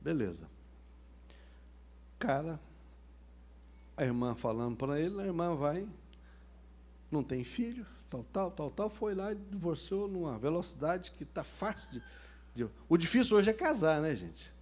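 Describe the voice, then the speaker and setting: A man's voice: on the high side, sing-song, a little slow, long pauses, darkish tone. A man, a pastor preaching a sermon in a humorous, colloquial storytelling manner.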